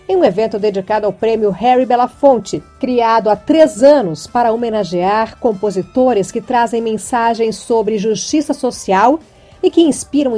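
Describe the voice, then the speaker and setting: A woman correspondent reading a scripted radio news report in a measured, formal way. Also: a little high, dark tone.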